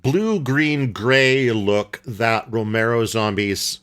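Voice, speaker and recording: With a clear, resonant, slightly bright voice of medium pitch, a young adult co-host talks slowly and casually about a film on a podcast. He wanders and hesitates, frequently searching for words amid fillers and restarts.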